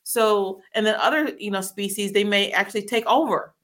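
A woman with a mid-range, fairly bright voice speaks at a normal speed. She hosts a casual interview, chatting freely and laughing often. Korean was her first language as a child, and she grew up in a military family.

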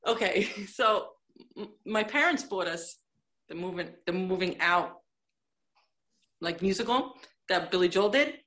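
A woman's voice: medium pitch, unhurried, long pauses. A woman from Long Island telling a story in casual chat, acting out the dialogue as she goes. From Long Island, New York. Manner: lively storytelling, acts out quoted dialogue.

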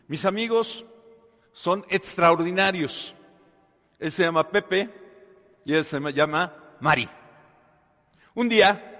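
A man with a slightly high voice preaches a sermon, recorded with long hall reverb. He tells a story, swinging dramatically between soft and loud, and asks his listeners questions.

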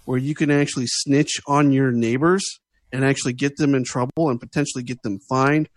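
A man in his thirties from the United States, a guest giving his opinions in casual podcast chat, earnest and halting with fillers. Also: mid-range voice, fairly even intonation, dry recording. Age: 30s.

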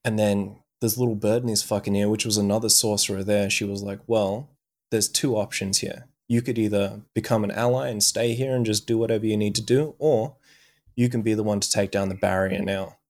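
Casual swearing podcast co-host, lowish voice. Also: male voice, steady tone, brisk, a little mellow. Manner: swears freely, loose storytelling with many fillers. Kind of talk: casual chat, retelling an anime plot.

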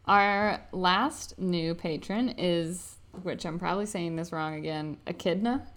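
A woman co-hosting a podcast in casual chat, expressive and agreeable, with quick laughs. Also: lowish voice. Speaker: podcast co-host.

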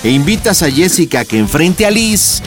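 A man's voice: fairly high pitch, moderate pace. A man with a Mexican accent hosting a radio prank show, joking and coaching a caller. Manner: lively, joking, shouts excitedly. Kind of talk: prank call radio banter. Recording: music bed under the voice.

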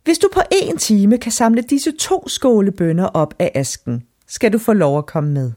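A woman's voice: mid-range voice, animated, warm tone, lightly acted. A woman voicing a cold, scornful middle-aged stepmother who talks down with sneering dismissal.

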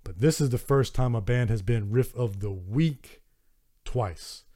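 A man's voice: medium pitch, measured pace, warm tone. A man with a Southern American accent hosting his own podcast, chatting earnestly and enthusiastically, with frequent restarts. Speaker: podcast host. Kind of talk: casual solo podcast talk.

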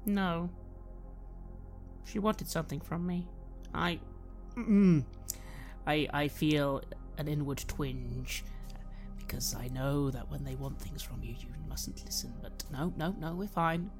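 A woman playing an anxious patient in a tabletop game, talking in a halting, stammering way. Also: deep voice, steady tone, music in the background. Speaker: player. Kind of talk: in-character role-play as an anxious patient.

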